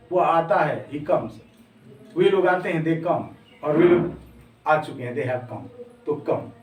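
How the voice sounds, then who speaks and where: Indian english teacher guy, kinda high voice, slow english bits, echoey room far from the mic. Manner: mixes Hindi with slow, deliberate English phrases. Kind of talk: spoken English lesson.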